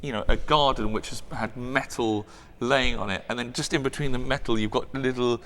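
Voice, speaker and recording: A man's voice: medium pitch, steady tone, brisk, fairly bright tone, long reverb tail. A man chatting enthusiastically as co-host of a perfume review, rambling with many restarts. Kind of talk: casual chat.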